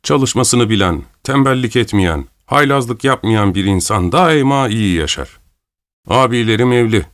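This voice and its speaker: A man reading a story aloud, voicing a smug, gruff peasant coal carrier who lectures in a droning tone. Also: medium pitch, expressive, unhurried, fairly bright tone, no echo, clean studio sound. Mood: smug lecturing. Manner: droning, lecturing, self-satisfied.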